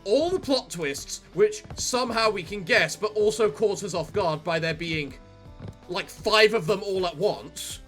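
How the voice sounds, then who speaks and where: A man's voice: sits high, expressive, measured pace, a bit bright, soft background music. A man co-hosting a casual let's play, rambling along with a theatrical streak. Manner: rambling, theatrical sign-offs. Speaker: gaming channel co-host.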